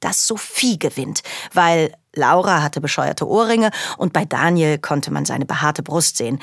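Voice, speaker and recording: A woman's voice: deep voice, no echo, studio quality. A woman narrating a children's audiobook in a chatty first-person girl's voice. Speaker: audiobook reader.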